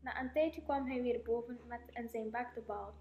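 A woman narrating a fairy tale in a steady, plain way for a school play. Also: fairly high pitch, normal speed, very noisy.

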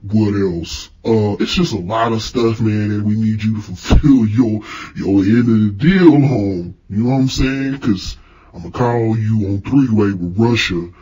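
Comedy voicemail role: man as slangy, chummy yet menacing shadowy boss, husky and on the low side, rambling into the phone. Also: unhurried, dark tone, low-quality recording. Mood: cocky, chummy. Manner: leaving a rambling voicemail, casual slangy talk.

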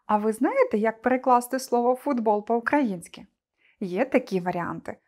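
A woman teacher presenting a scripted online lesson, speaking clearly and deliberately to her pupils. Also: fairly high pitch, big pitch swings, darkish tone.

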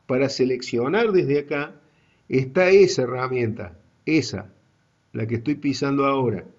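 Un hombre con acento argentino que da una clase universitaria en línea, explicando con calma y paso a paso. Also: male voice, medium pitch, highs cut off. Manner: slow, deliberate explaining to students. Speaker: university GIS teacher. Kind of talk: online class lecture.

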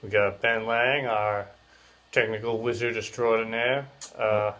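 Podcast host, male, 30s, lowish voice, jaw wired shut so words come through clenched teeth, loose slangy rambling chat. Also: little pitch movement, measured pace, a bit bright. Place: small bare room, indoors.

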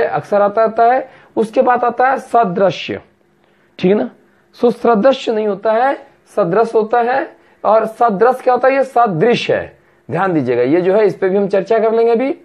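A woman's voice: mid-range voice, lo-fi sound. A woman teaching a spelling lesson, patiently repeating words and checking that her students follow.

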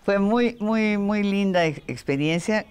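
An older woman with a Mexican Spanish accent, a veteran voice actress chatting in an interview, telling lively stories and mimicking voices. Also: medium pitch, unhurried, clear, resonant tone. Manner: lively storytelling with playful voice imitations. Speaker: voice actress and dubbing director. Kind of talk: casual interview chat.

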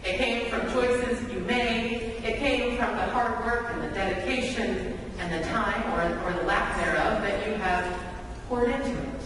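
At the pulpit of a large church sanctuary, a pastor in her thirties delivers a sermon in measured, deliberate phrases full of rhetorical repetition. Her voice is fairly high. The recording is echoey and noisy, captured from a distant mic in the hall.

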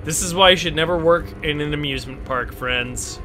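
A man's voice: fairly high pitch, a little fast, bright, forceful tone, soft background music. A young man, drunk, swearing freely as he plays a horror game live and reads its notes aloud in a mock-official tone. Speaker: streamer playing a horror game. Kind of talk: drunk live-stream commentary.

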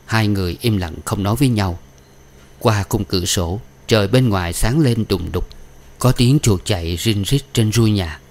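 A man narrating a novel as an audiobook reader, in a steady, even storytelling manner. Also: fairly low pitch, moderate pace.

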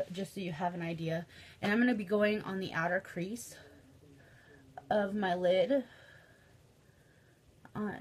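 A young woman with a Midwestern American accent talks through her makeup in a loose, chatty way, full of ums and likes. Her nose is stuffed up and she sniffles now and then. A faint hiss sits under her voice. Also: medium pitch. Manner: chatty, filler-heavy, says um and like often. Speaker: beauty vlogger. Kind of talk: casual makeup tutorial chat.

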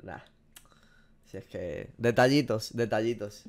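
A man in his twenties, a gaming streamer with a Spanish accent from Spain, speaks slowly in a lowish voice as he reacts casually to a quiz with slang and swearing. He's recording indoors in a small room at his desk.

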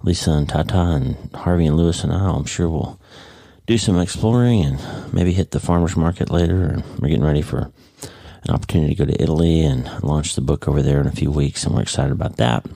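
An American man hosts his own podcast in a relaxed monologue, recorded at home early in the morning. His very deep, husky voice has vocal fry and a slightly congested sound, and he talks briskly with no echo. He's warm, chatty and easygoing, and he leaves his own slips in.

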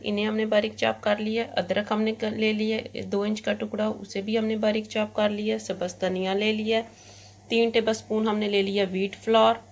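A woman with a Pakistani Urdu accent giving steady step-by-step recipe instructions as a cooking channel host in her home kitchen. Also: medium pitch. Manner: steady, even, unhurried instructions. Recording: home kitchen recording with audible frying sizzle.

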